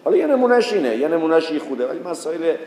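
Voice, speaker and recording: A man's voice: sing-song, dark tone. Man telling a story in an echoey hall. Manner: storytelling, acts out quoted voices with rising pitch. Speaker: religious teacher. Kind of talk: sermon with a told story. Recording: echoey hall with long reverb.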